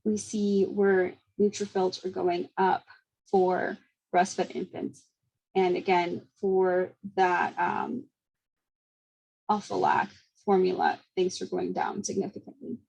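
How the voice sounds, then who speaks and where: A young woman giving a seminar talk, speaking quickly with frequent fillers and small laughs. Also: fairly low pitch, level tone, vocal fry, darkish tone, breathy edge, rough recording. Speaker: student presenter.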